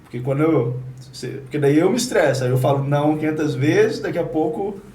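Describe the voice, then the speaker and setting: A man interviewing a guest in a relaxed, conversational way, sharing his own experience and asking questions. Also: fairly high pitch, fairly quick. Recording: roomy, distant mic, faint noise.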